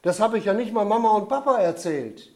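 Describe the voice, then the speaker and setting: A man voicing an eager, excitable young boy in a storybook tale, getting high and loud when upset. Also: brisk. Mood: distressed.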